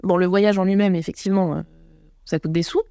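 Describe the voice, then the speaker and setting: A woman's voice: lowish voice, steady tone, brisk, mellow, no echo, clean studio sound. A young woman from France hosting a podcast, thinking aloud and asking her guest questions in casual chat. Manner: thoughtful, musing, asks questions. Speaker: podcast host.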